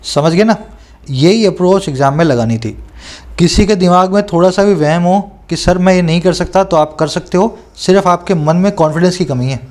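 A man coaching students through an exam paper, reading English questions out slowly and explaining them, often checking that they follow. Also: on the high side, a little mellow. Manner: reads English questions aloud slowly, then explains in Hindi.

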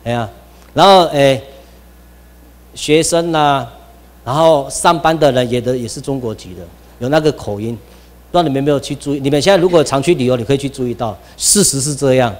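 A man's voice: medium pitch, fairly quick, big-room sound. A man with a Taiwanese Mandarin accent giving an informal classroom lecture, rambling with frequent restarts and exclamations.

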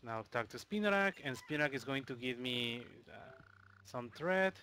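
A man with a Mexican accent, from Mexico, casually talks through a game speedrun live as he plays, leaning on fillers in a loose, chatty style. His medium-pitched voice is animated, bright and forceful at a moderate pace. A little hiss or hum sits under the audio.

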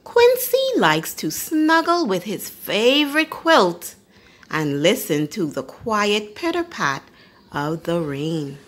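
Slow, lively woman reading to children. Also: mid-range voice, a little hiss or hum. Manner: teacherly, asks listeners questions. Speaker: storyteller. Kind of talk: children's read-aloud.

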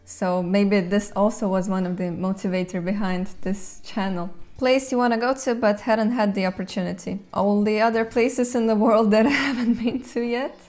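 A young Latvian woman whose first language is Russian hosts a language channel and casually answers fan questions she reads out to camera, thoughtful and with light laughs. Her medium-pitched, slightly mellow voice is fairly even, at normal speed with hardly any pauses. She sits in an armchair in a bright indoor room, recorded on a lapel mic.

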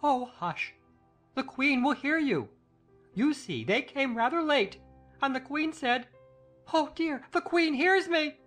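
A woman voices a nervous little rabbit from a storybook. He confides gossip anxiously in a high voice over faint music. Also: lively intonation, slow pace, fairly bright tone, full character voice. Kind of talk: dramatized audiobook acting.

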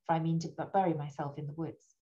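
A woman's voice: sits low, little pitch movement, fast talker, mellow, highs cut off, lightly acted. Lovesick young officer, as a woman reads him. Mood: despairing.

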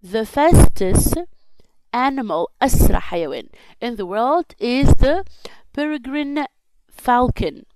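A woman with a Tunisian accent, teaching an English lesson. She says each sentence slowly and carefully, repeats it, then explains it. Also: a little high, lively intonation, darkish tone, clean tone, no room sound, poor audio. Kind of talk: slow classroom explanation, switching between English and Arabic.

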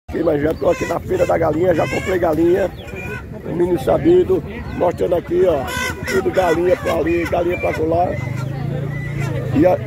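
An older man with a fairly high-pitched, creaky voice narrates a casual vlog, chatting with viewers and pointing things out from his car and at an outdoor street market. Background noise is present.

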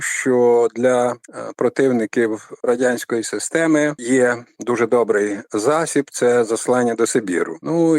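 An older man speaks as a literary scholar in a radio interview, lecturing in a measured way and pausing often with hesitations. His voice sits at a middle pitch. The studio sound is dry and close. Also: a little mellow, dry recording. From Ukraine.

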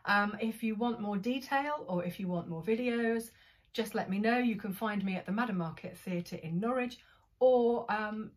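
A woman with an English accent, a drama teacher giving accent tips from home, speaking in a clear, friendly teaching tone with brief demonstrations of accents. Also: mid-range voice, normal speed. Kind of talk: instructional talk to camera.

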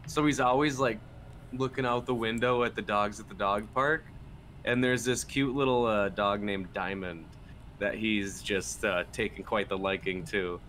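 A male game streamer from Minnesota, with a lowish voice and a moderate pace, chats in a casual, rambling way. He's relaxed and full of "um" and "uh" fillers, with a faint hiss in the background.

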